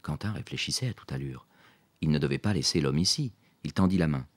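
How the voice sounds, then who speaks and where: Deep-voiced man reading a story. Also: animated, a little fast, husky. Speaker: audiobook narrator. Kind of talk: scripted narration.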